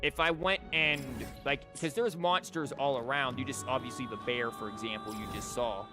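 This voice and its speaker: In casual live commentary, a man streams a game, rambling and thinking aloud as he explains things. His medium-pitched voice stays steady at a moderate pace, while video game music and character lines play in the background.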